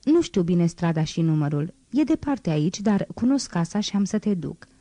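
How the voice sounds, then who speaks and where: A woman's voice: lowish voice, big pitch swings, warm tone, no room sound. A woman reading an audiobook, voicing a teasing, wistful poor young street girl in a lightly raised voice. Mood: coaxing.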